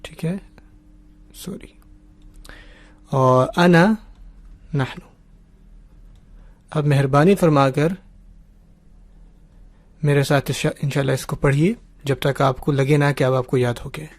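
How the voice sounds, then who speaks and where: A man's voice: a little high, fairly even intonation, slow, pauses often, no room sound. A man teaching Arabic grammar in an online class, patiently explaining and leading students through repeated drills while he writes on a board.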